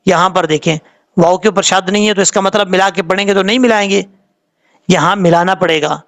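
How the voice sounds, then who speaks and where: High-voiced man teaching recitation step by step. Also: fairly even intonation, a bit bright. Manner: patient, step-by-step, repeats letters and rules; slowly draws out sounds when demonstrating words. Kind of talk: tajweed lesson explaining pronunciation rules.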